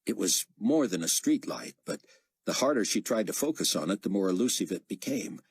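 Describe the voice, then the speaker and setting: A male narrator reads an audiobook in a low, husky voice. His intonation rises and falls with a lot of movement, and the sound is dry and close to the mic. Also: lively intonation, a little fast, no echo. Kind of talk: scripted narration.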